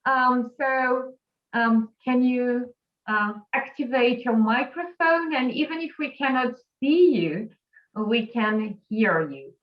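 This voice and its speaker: A woman's voice: fairly high pitch, slow pace. A woman moderating an online conference session, apologetic and stammering. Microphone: video call. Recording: echoey, lo-fi call audio.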